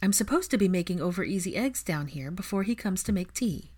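A woman's voice: mid-range voice, animated, brisk, warm tone, breathy edge. A woman reading as a guarded, wry young heroine. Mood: hurried.

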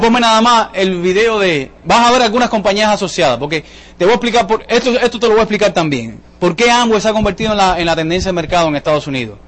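A man giving a lively motivational sales talk to a live audience, joking and asking the crowd questions. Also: sits high. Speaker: business presenter at a sales seminar.

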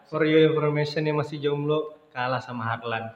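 A man's voice: fairly high pitch, steady tone, normal speed. A man hosting a casual interview, chiming in briefly and summing up his guest's points. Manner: brief interjections, laughs along, sums up the guest. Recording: echoey room, dull sound.

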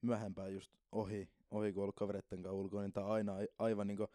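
A young man co-hosting a casual podcast, animated and quick to argue and laugh. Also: fairly low pitch, dry recording, studio quality. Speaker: podcast co-host.

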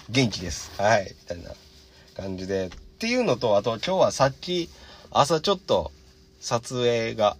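A man with a Kansai Japanese accent hosting a podcast, telling a casual story and acting out the quotes with lively energy. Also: lowish voice, breathy edge. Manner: lively, animated retelling with acted-out quotes. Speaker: podcast host.

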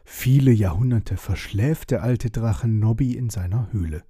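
A man narrating a children's storybook in a lively, expressive reading. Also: lowish voice, unhurried, husky, no room sound, studio quality.

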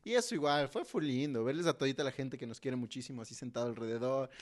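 A man's voice: medium pitch, fast. A young man co-hosting a comedy podcast, telling a story in a chatty way and laughing often. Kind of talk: casual comedy podcast chat.

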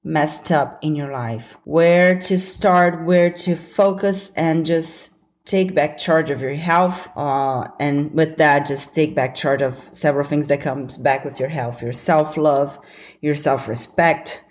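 A young adult Brazilian woman hosts a solo motivational podcast, earnest and encouraging, laughing easily. Her low-pitched voice has fairly even intonation, and she takes it slowly.

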